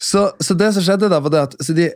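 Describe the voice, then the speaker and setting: Excitable high-voiced man telling stories. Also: slight background noise. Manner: excitable, giggly storyteller full of fillers. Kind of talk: casual storytelling chat.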